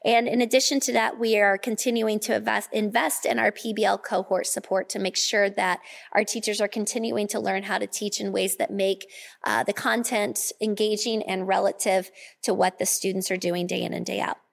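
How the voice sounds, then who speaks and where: Creaky-voiced woman presenting at a meeting. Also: medium pitch, steady tone, moderate pace. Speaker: school official giving a presentation. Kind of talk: informal spoken presentation at a meeting.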